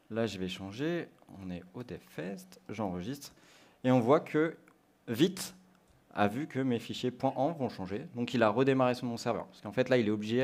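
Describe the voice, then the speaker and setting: A man's voice: medium pitch, darkish tone. A man from France giving a conference talk and walking the audience through a live coding demo, thinking aloud step by step. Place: conference stage.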